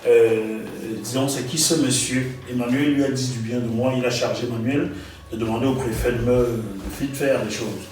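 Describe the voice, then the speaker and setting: A man from Gabon recalls his past for an interviewer, animated and often repeating words as he searches for details. The mic sits some way off him, and the room rings with echo. He keeps an even, middle pitch. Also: moderate pace, distant mic. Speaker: interview guest. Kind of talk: storytelling in an interview.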